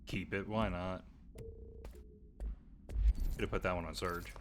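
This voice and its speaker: A man giving casual let's-play commentary, relaxed and thinking aloud, correcting himself as he goes. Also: low voice, measured pace, noisy background. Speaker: gameplay streamer.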